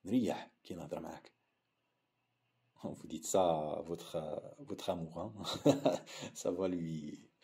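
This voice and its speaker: A man with an Algerian accent teaching a language lesson, saying each phrase, repeating it slowly and explaining it. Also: low voice, mellow.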